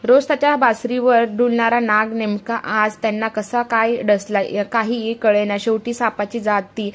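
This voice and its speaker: A woman's voice: fairly high pitch, steady tone, a little slow. A woman reading a story aloud, stumbling and restarting on words now and then as she goes. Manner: reads all characters in her own voice.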